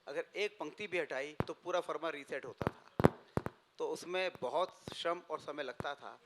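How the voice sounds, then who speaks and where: A man in his fifties, a publisher, giving a measured, formal talk on a festival panel. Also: fairly high pitch, heavy background noise. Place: stage at a literature festival.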